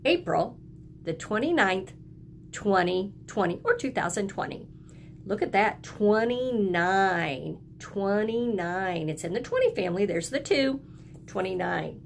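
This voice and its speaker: This early elementary school teacher has a medium-pitched, expressive, creaky voice and takes her time as she teaches young children, encouraging them simply and prompting them to repeat after her. The recording carries a little hiss or hum.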